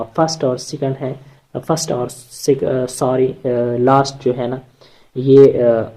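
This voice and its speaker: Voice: mid-range voice, warm tone. A teacher giving an explanatory lecture on poetic metre, hesitant, with frequent filler sounds and restarts, and answering their own rhetorical questions. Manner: asks rhetorical questions, then answers them.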